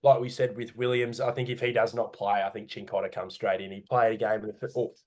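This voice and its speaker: A man's voice: lowish voice, little pitch movement, fairly quick, darkish tone. A man with an Australian accent co-hosting a casual sports podcast, rambling and correcting himself as he talks from home. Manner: rambling, hesitant, self-correcting. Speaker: podcast co-host. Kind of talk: casual chat. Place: home room.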